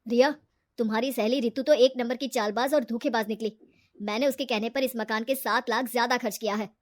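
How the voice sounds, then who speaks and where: A woman's voice: a little high, fairly even intonation, a little fast, lightly acted. Woman doing a stern young husband.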